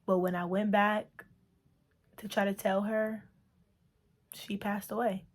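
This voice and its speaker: A woman's voice: medium pitch, flat delivery, slow. Earnest woman sharing her testimony. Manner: earnest and emotional, full of "like" and repeats. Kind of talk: personal testimony vlog.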